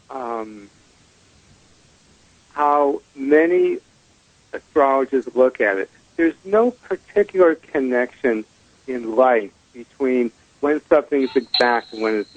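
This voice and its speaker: A man calling in as a guest astrologer on a radio show, his voice tinny and metallic, talking hesitantly with many pauses. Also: medium pitch, no echo. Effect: tinny, metallic phone-line sound. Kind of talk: casual phone conversation. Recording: dull, tinny phone line.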